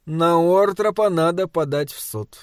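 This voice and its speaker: A man doing a gruff, mocking monster hunter. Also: fairly high pitch, a little slow, no echo, studio quality, pitched above the performer's own voice, lightly acted. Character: brusque sardonic grown male monster hunter. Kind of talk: audiobook reading.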